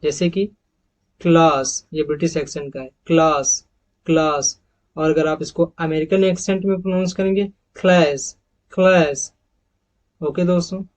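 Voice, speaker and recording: A man with an Indian accent teaches English phonetics over slides, repeating each model word several times and addressing his viewers as friends. His voice is a little high and steady in tone, a bit slow, and the recording is dull and lo-fi.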